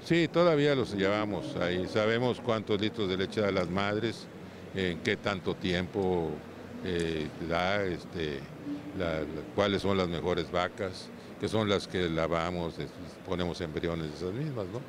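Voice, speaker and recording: A man's voice: low voice, a little slow. An older Mexican man in his seventies answering interview questions as a cattle breeder, often checking in with short tag questions, on a handheld microphone. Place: large indoor livestock exhibition hall. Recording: noisy livestock show hall.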